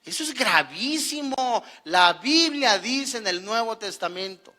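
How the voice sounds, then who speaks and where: A man preaches, his voice pitched very high and ringing bright. He mixes jokes with the congregation into his sermon and pushes key lines up to near-shouts. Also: lively intonation, measured pace. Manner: preaching with humor, acting out quoted prayers. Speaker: pastor. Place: church.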